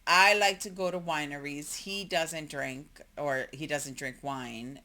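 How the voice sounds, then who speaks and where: A woman in her forties with a bright yet slightly low voice co-hosts a relationship podcast with her husband. She rambles chattily, tells anecdotes, and laughs often. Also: steady tone, unhurried. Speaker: podcast co-host. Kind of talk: casual couple chat.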